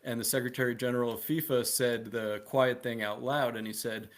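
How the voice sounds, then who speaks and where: A man's voice: mid-range voice, steady tone, a little fast. Persuasive man in discussion. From United States. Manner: earnest, persuasive, often ends points with "right?". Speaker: guest promoting a political DAO. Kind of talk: casual discussion.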